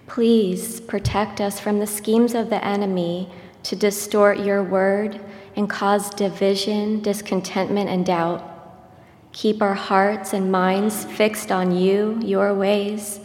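A woman leads her congregation in prayer, slow and measured, her voice staying level with hardly any rise or fall. Her words spread into a cathedral-like echo, with a long reverb trailing through the church hall. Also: mid-range voice, flat delivery, a little mellow. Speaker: prayer leader. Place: church sanctuary.

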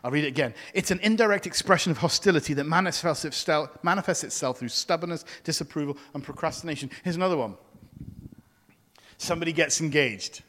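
A pastor teaching from the pulpit, his fairly high voice carried by the long reverb of a big hall. He slips into animated impressions of the people he quotes, then drops back into plain teaching. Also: quick pace. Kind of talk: teaching sermon.

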